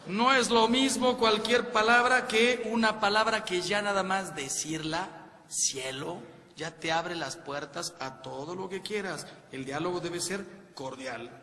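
A Mexican priest in his fifties giving a lively, joking talk on marriage, acting out little scenes for his audience. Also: high-pitched, measured pace. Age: 50s. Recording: hall reverb with faint background noise.

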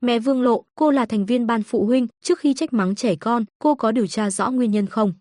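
A woman's voice: fairly high pitch, normal speed, a little mellow, no room sound, studio quality, close to an everyday voice. A woman voicing an indignant old grandmother in an audio story, scolding.

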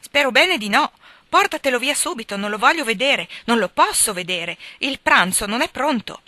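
A woman voicing a distraught young wife who breaks into sobbing, exclamatory outbursts, raising her voice high and loud in a dry, close storybook reading. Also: fairly quick, no room sound. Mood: distraught, indignant.

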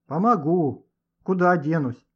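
A man's voice: a little high, a little slow, breathy edge, muffled recording. A man reading the part of a good-natured schoolboy who helps grudgingly, speaking offhand with sighs. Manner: offhand, sighing.

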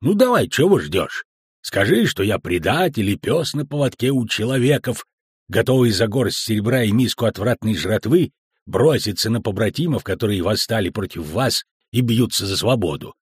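A quarrelsome male dwarf bellows and rants in a husky, raised voice, as a male audiobook reader puts him on. His crude outbursts jump around in pitch. The recording is dry and close. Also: expressive, normal speed, dry recording. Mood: angry ranting. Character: gruff hot-tempered male dwarf wagon driver.

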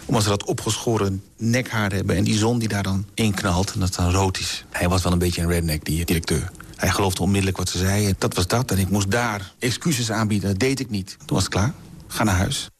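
A man telling a personal anecdote on radio in a lively, vivid way. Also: low-pitched, fairly quick, breathy edge. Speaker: storyteller. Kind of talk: radio storytelling.

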